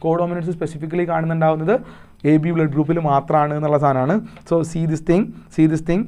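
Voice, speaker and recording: Emphatic coaching teacher, mellow voice. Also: male voice, a little high, flat delivery, moderate pace, clean tone. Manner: mixes Malayalam and English, repeats checks like "are you understanding"; emphatic, drills key points with repetition. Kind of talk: live online lesson.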